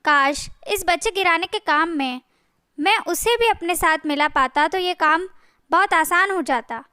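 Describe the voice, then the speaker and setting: A woman's voice: extremely high pitch, unhurried, pushed and bright, dry recording, clean studio sound, exaggerated voice. A woman voicing a cruel, scheming man in a family story, cold and threatening. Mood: menacing. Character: scheming cruel man, elder brother-in-law.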